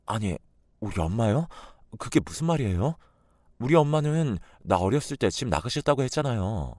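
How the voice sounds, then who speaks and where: A man's voice: medium pitch, sing-song, normal speed, a little mellow, no room sound, studio quality. A man voicing an upset, indignant young married woman in a radio drama. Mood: shocked. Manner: pleading, then sharply indignant.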